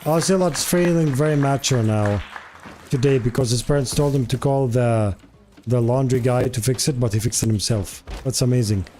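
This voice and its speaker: A man's voice: mid-range voice, normal speed, dark tone, faint music behind. A man with a Jordanian accent, chatting playfully and boastfully on a live game stream, mixing English and Arabic. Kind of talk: casual live-stream chat.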